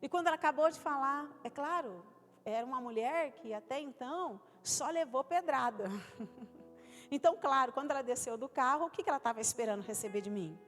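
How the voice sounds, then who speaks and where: A woman's voice: high-pitched, animated, brisk. A woman pastor from São Paulo, telling a personal story in a sermon, acting out the dialogue and speaking straight to the congregation. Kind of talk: sermon testimony. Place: church sanctuary during a service. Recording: long church reverb with soft instrumental music.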